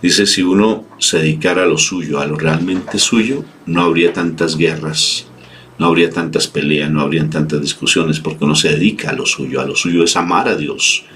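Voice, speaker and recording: Man, very low voice, fervent preacher, earnest reflection, faint noise behind. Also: steady tone, normal speed, fairly bright tone. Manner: earnest, fervent, acts out pleas in a higher voice. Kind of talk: spoken reflection and sermon.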